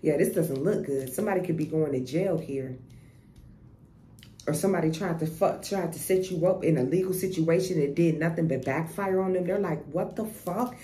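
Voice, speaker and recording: A woman's voice: sits low, brisk, warm tone. A woman giving a casual tarot reading, blunt and profane, often repeating herself and restarting. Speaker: tarot reader. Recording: echoey room with faint noise.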